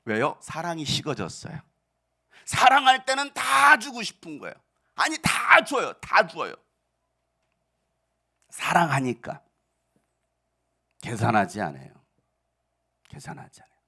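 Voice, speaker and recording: A middle-aged pastor preaches with a high, lively voice that leaps up and down in pitch. His tone is bright and forceful, and he drives his points with rhetorical questions, swinging from hushed lines to loud ones. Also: unhurried, gravelly, pauses often, breathy edge. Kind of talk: sermon.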